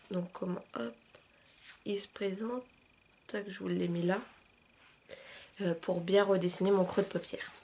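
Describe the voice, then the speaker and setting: A woman talks through her makeup routine in a relaxed, chatty way, her voice sitting at an ordinary middle pitch. She fills pauses with little hesitations and "hop" sounds and drops into softer asides as she works. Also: slight background noise. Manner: chatty, loose, with frequent "euh", "hop" and "voilà". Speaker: beauty vlogger. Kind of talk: casual makeup tutorial chat.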